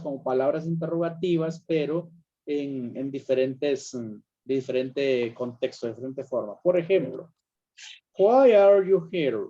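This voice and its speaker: Slow, patient male teacher, lo-fi sound. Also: fairly high pitch, dark tone. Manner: patient, repeats examples and checks understanding. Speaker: English teacher. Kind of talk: classroom lesson explaining grammar.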